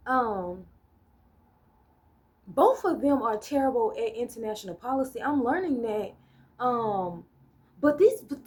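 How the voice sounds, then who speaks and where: A solo vlogger, an American woman with a high, slightly mellow voice, goes on a casual political rant. She's blunt and profane, rambles, loses her train of thought, and works through ideas using hypotheticals and "right?" checks.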